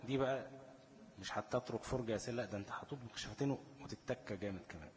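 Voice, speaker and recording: A man with an Egyptian accent teaching Quran recitation rules, quizzing the listener and answering himself, chanting verse examples slowly. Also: medium pitch, big-room sound, slight background noise. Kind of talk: tajweed lesson in colloquial Egyptian Arabic.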